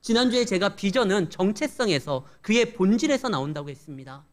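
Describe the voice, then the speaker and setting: A man's voice: sits high, expressive, fairly quick. A male pastor giving a conversational sermon with storytelling and humorous asides.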